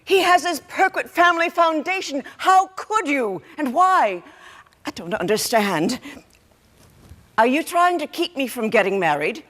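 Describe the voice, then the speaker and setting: A woman's voice: high-pitched, lively intonation, a little slow, fairly bright tone, in a large hall. A woman playing a fretful, easily shocked mother who pleads and repeats herself in a stage play. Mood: bewildered. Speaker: actor.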